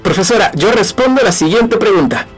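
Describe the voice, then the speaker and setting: A man's voice: sits high, lively intonation, brisk, soft background music. A young man with a Peruvian accent, a student answering the teacher in an earnest, recited way on an educational radio program. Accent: Peruvian Spanish. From Peru. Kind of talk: scripted educational radio lesson.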